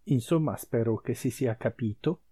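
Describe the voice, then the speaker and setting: A man's voice: mid-range voice, moderate pace, mellow, husky, no echo, clean studio sound. Man reading a novel dramatically. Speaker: reader. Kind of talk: reading a novel aloud with comment.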